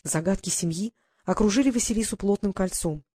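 A woman reads a novel aloud in an even, steady storytelling voice. Her pitch sits in a middle range, and the recording is dry and close, with no room sound. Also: a little fast, dry recording. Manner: steady storybook reading, quietly acts out the dialogue. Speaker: audiobook narrator. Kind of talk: scripted narration.

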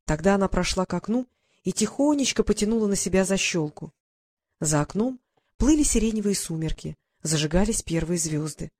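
Woman reading a storybook aloud, steady narrator. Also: medium pitch, brisk. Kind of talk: audiobook narration.

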